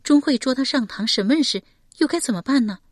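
A woman's voice: high voice, lively intonation, brisk, no room sound, clean studio sound, voice pushed up. A woman voicing a shrewd young woman who keeps asking probing questions.

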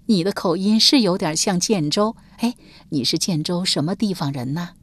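A woman reader voicing a kindly elderly woman servant, speaking slowly and motherly with sighs, as an audiobook character. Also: lowish voice, no echo, natural voice. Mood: surprised, pleased. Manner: slow, sighing, motherly.

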